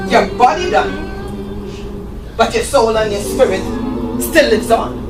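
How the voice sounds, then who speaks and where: A woman preaching a fervent revival sermon, exhorting in drawn-out emphatic phrases and swinging between shouts and lower asides. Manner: exhorting, rising to shouts and dropping low. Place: church service. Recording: echoey church sound, distant mic, music behind.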